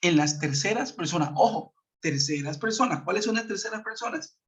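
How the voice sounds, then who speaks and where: A man teaching an online class, explaining patiently, checking in with his students and reading example sentences slowly. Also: sits high, lively intonation, a bit bright. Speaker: English teacher. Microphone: computer mic on a web conference. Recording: muffled web-conference audio.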